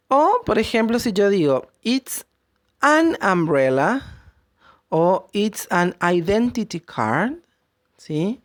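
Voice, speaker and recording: A woman teaching an English lesson at an unhurried pace, her pitch rising and falling a lot as she stresses each example. The sound is close and dry. She keeps stopping to ask whether the class follows. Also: no room sound. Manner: explains slowly, checks in with a questioning tag after each point.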